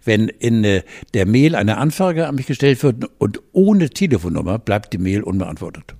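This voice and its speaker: A man's voice: lowish voice, very animated, normal speed, gravelly, dark tone. A middle-aged man, co-hosting a casual podcast and telling rambling anecdotes with acted-out voices. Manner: rambling storyteller, acts out quoted voices. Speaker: podcast co-host. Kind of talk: casual chat.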